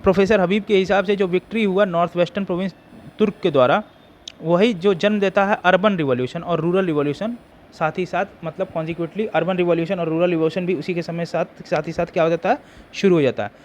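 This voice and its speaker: An Indian man with a sore throat teaching an exam prep class, reading quiz questions slowly in English and explaining them with lots of fillers. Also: sits high, slight background noise.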